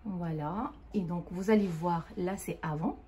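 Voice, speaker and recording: A woman's voice: on the low side, a little slow, mellow, a little hiss or hum. A woman beautician giving a casual on-camera demonstration in a salon treatment room. She speaks with enthusiasm, repeats her praise and explains the aftercare steps. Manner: enthusiastic, repetitive praise, instructive. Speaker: microblading beautician.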